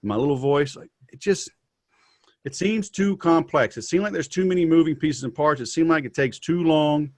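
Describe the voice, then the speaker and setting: A man's voice: on the high side, normal speed, darkish tone, no echo. A man with a Southern US accent hosting a podcast, bantering casually in a teasing, mock-combative manner. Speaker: podcast host.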